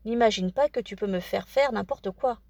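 A woman voicing a stubborn, sulky young boy in a storybook reading, answering with quick protests. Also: mid-range voice, gravelly, darkish tone, no room sound, close to an everyday voice. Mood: protesting.

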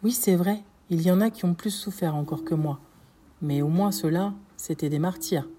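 A ruined, famished banker begs in desperate, broken phrases, as a woman reading aloud gives him voice. The tone sits low and mellow, never bright. It is a spoken storybook reading. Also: moderate pace, husky. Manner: desperate begging. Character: starving ruined male banker, pleading and terrified. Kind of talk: audiobook reading.

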